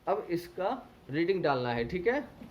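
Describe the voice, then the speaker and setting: A man teaching a primary school English lesson with an Indian accent, reading a children's story slowly, repeating words and spelling them out letter by letter. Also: sits high, very animated, a little hiss or hum, rough recording.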